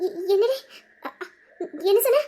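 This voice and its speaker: A woman doing a soft, high-voiced lovestruck young woman. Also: unhurried. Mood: puzzled. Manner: soft, hesitant, wondering. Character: young woman recovering from fever, quiet and lovestruck. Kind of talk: amateur audio drama.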